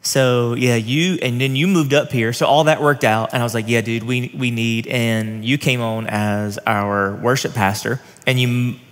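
A man's voice: medium pitch, steady tone, moderate pace, few pauses, a bit bright. A man in his thirties, a pastor, interviewing a colleague in a friendly, informal way on a church stage with a headset mic. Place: church stage set with armchairs. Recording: long reverb of a large hall.

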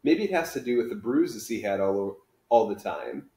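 Recorded by a camera several feet off in an echoey living room, a teacher in his thirties casually reads a children's book aloud. He has a lowish, mellow voice with a sing-song lilt at normal speed.

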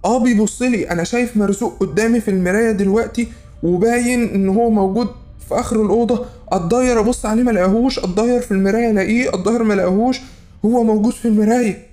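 A man's voice: sits high, fairly even intonation, racing, warm tone. A man with an Egyptian accent telling a first-person horror story in a frantic, urgent way, repeating himself for effect. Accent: Egyptian Arabic.

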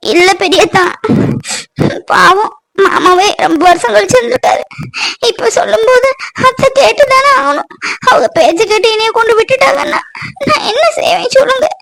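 A woman's voice: expressive, moderate pace, creaky, heavily acted, poor audio. A woman voicing a tearful young newlywed girl who cries and pleads in a cartoon family drama. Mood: worried. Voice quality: high, crying, sobbing.

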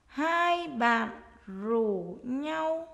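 A woman with a fairly high voice is dictating to young schoolchildren. She goes extremely slowly, giving a few words at a time and repeating them as a teacher does in a writing lesson. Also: expressive, creaky, a bit bright. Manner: dictating short phrases slowly, word by word, repeating each.

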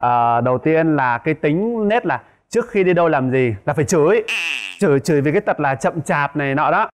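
A man's voice: a little high, animated, brisk. A man talking as a guest on a talk show, hesitant and emotional, often repeating his words. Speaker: guest husband. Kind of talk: casual talk show conversation.

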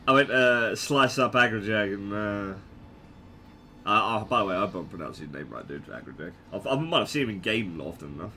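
A man's voice: on the low side, expressive, brisk, sharp tone, a little hiss or hum. A man casually commenting on his own gameplay, joking and stammering through restarts.

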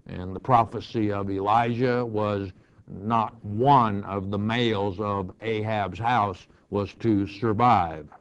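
Slow-speaking pastor teaching scripture. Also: male voice, lowish voice, dull audio. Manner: reads scripture aloud, then explains it plainly. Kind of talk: verse-by-verse Bible teaching.

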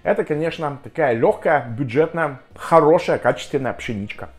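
A man giving a casual, chatty and jokey review to viewers, speaking with hesitant pauses as a vlogger. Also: on the high side. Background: music.

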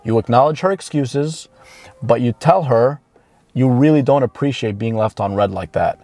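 Speaking to the camera from inside a parked car, a dating coach around thirty offers coaching that's blunt, informal and emphatic, dragging out the words he wants to stress. The voice sits mid-range with a dark tone and no room sound, over background music.

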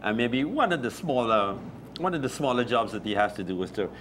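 A man, chatting as a guest at a breakfast table and often pausing and restarting his sentences. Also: mid-range voice, expressive, fairly bright tone, a little hiss or hum. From Guyana. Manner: halting, many restarts and fillers. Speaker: deacon guest. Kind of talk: casual chat. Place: small room with table, indoors. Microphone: lapel.

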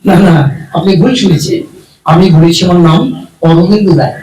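A man doing a gruff, flustered puppet man. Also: high-pitched, fairly even intonation, moderate pace, a little mellow, natural voice. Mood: exasperated. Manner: exasperated, insistent. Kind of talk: live puppet show voice. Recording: roomy, distant with music.

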